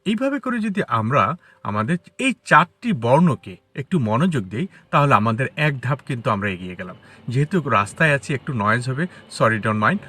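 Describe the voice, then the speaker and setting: A man teaching English pronunciation to Bengali speakers, talking outdoors on a street and spelling out letters and sounds slowly. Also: medium pitch, very animated, bright, forceful tone, husky. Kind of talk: spoken English lesson.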